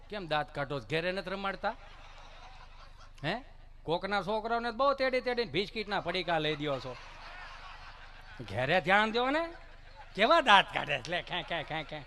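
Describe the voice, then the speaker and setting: A middle-aged man performs a folk comedy monologue in a high, bright voice. He swings his pitch widely and slips into put-on voices of fussing mothers and whiny kids. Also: moderate pace, pauses often, slight background noise. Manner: animated, mimics mothers and children with put-on voices. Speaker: stand-up storyteller.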